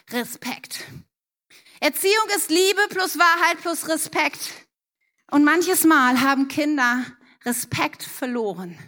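Earnest high-voiced woman speaking in church. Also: fairly bright tone. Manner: earnest, direct, addresses parents as du. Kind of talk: church talk on parenting.

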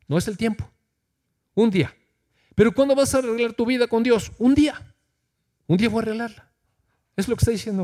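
A man's voice: on the high side, darkish tone. A middle-aged man preaching a sermon in a church, reading scripture aloud and asking the congregation questions. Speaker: pastor.

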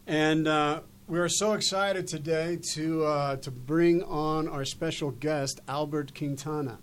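A man's voice: fairly high pitch, steady tone, measured pace, clean tone. A man hosting a talk show, chatting unscripted in a rambling, emphatic, stop-and-start way. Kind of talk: unscripted show introduction and chat.

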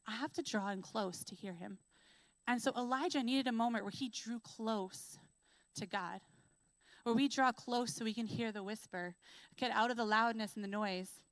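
A woman preaching a sermon in a conversational, earnest way, full of casual fillers, who slows down and builds emphasis when she reads scripture. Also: a little high, fairly bright tone, dry recording, low-quality recording. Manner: reads scripture aloud with slow, rising emphasis. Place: church.

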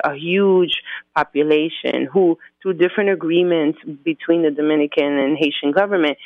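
Her voice sits low, with no room sound on the tinny phone line. She's an American activist guest interviewed by phone, earnestly and methodically explaining things and grouping her points.

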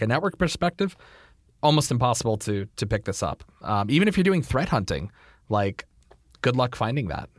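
A man's voice: lowish voice, no room sound, studio quality. A man co-hosting a podcast, explaining things casually with lots of fillers. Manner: rambling, many fillers like "like" and "uh". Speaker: podcast co-host.

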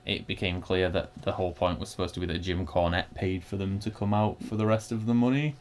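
Laughing man with a low voice. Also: fairly even intonation, brisk. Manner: laughs often, swears casually. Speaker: podcast co-host reviewing wrestling. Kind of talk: casual chat.

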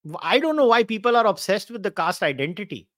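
A man's voice: high-pitched, sing-song, fast talker, fairly bright tone, no room sound, clean studio sound. A man with an Indian accent hosting casual live commentary, speaking in an opinionated, sardonic and emphatic manner. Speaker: host of a commentary live stream. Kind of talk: casual live commentary, reading out quotes and answering viewers.

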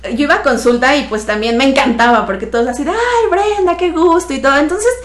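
A woman with a Mexican accent tells her story as a podcast guest, her voice sitting a little high. She talks casually and brightly, laughing often and slipping into the voices of the people she quotes. The room around her rings with echo. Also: lively intonation, fast. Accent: Mexican Spanish. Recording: echoey room sound.

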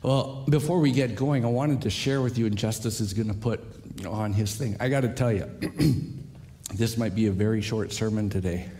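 A man's voice: lowish voice, normal speed, dark tone. A man preaching a sermon in a church while losing his voice, telling stories in a chatty, self-deprecating way. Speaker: pastor. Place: church sanctuary.

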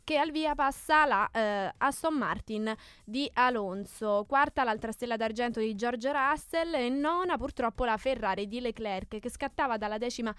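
Young female radio co-host, fairly high crisp voice, casual banter, dry studio. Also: moderate pace, hardly any pauses, a bit bright, dry recording. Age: young adult.

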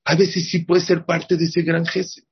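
Gravelly man teaching a religious lesson. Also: a little high, a little slow, highs cut off. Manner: lively, asks the audience rhetorical questions. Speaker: rabbi teaching a Torah class.

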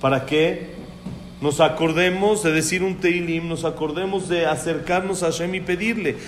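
A man's voice: on the high side, steady tone, moderate pace, slight background noise. Storytelling male rabbi in an echoey room. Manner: storytelling, acts out quotes, mixes in Hebrew terms. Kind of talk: sermon.

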